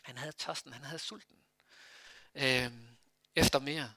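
A man preaching a sermon in a conversational way, asking his listeners rhetorical questions and pausing often on fillers. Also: mid-range voice, steady tone, sharp tone, no room sound.

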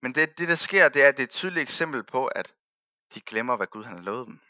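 A man preaching a sermon and telling the story in a lively way, acting out the people he quotes and laughing often. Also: mid-range voice, dry recording, dull audio.

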